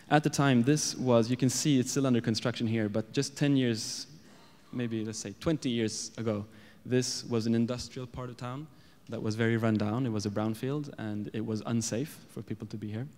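A young Swedish man, an architect, giving a measured conference presentation from a lectern into a stand microphone in a large dark hall. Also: mid-range voice. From Sweden. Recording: long hall reverb.

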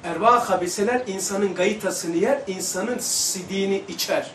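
A man with a high-pitched voice leads a casual religious lesson, animated and rambling as he talks straight to the people in the room. He sounds some distance from the mic in a roomy space, with a faint background hum behind him. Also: moderate pace. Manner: animated, chatty, digressive, addresses the room directly. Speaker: religious teacher. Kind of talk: informal religious lesson with live demonstration. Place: room with a small audience.

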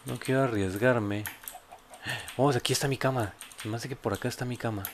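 A man's voice: medium pitch, brisk, a little hiss or hum. Profane Mexican man narrating his gameplay. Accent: Mexican Spanish. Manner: swears a lot, bursts into loud yelps. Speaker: gameplay YouTuber. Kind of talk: casual gameplay commentary.

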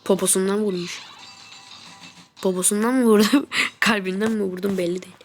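A woman with a flu-blocked, congested nose giving casual gameplay commentary, muttering to herself and then yelling excitedly at the game. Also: mid-range voice, fairly quick, faint music behind. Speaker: gaming channel host.

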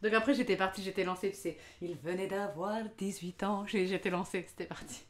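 A woman's voice: medium pitch, steady tone, brisk. A young woman streaming live while she cooks, chatting casually, joking at her own expense and laughing often. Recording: roomy kitchen with faint clatter.

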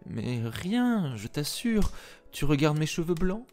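A man's voice: on the high side, very animated, slow pace, voice pushed up. A man voicing an anguished young married woman, confessing in a pleading, impassioned way during a dramatic reading of a literary tale. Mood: tearful confession. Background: soft piano music.

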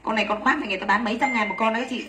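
A woman selling clothes on a livestream, talking rapidly and gushing over each piece while teasing her helpers. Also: on the high side, steady tone, noisy background. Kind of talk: live sales pitch.

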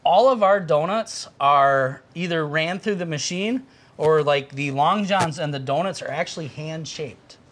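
A middle-aged man, the owner of a bakery, casually explaining his baked goods during a shop tour, with a relaxed manner and some fillers. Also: fairly high pitch, measured pace, a little hiss or hum.

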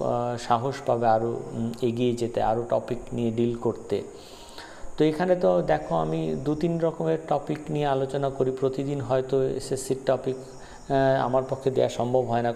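A man's voice: mid-range voice, vocal fry, dark tone. A man teaching an English poem in a Bengali lesson, explaining terms patiently and repeating key words, with frequent fillers. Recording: long reverb, faint noise.

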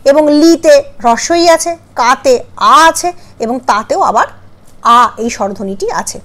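Brief: woman teacher, high voice, patient, breaks words into syllables for her students. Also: expressive. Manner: patient, questioning, spells out syllables slowly. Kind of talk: Bengali grammar lesson.

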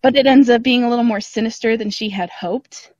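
Speaking a little fast in a fairly high, darkish voice, this audio drama creator talks informally as a podcast guest on a remote call. There's no echo, though the call audio comes through slightly dull and lo-fi.

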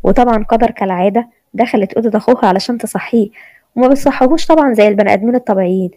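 A woman's voice: on the high side, mellow, dry recording. A woman with an Egyptian accent narrating a serial story in a conversational way. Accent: Egyptian Arabic. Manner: rapid, conversational.

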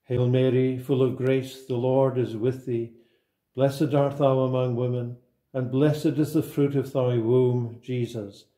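A man leading a sequence of liturgical prayers in a slow, solemn, even recitation. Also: medium pitch, echoey room. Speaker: prayer leader.

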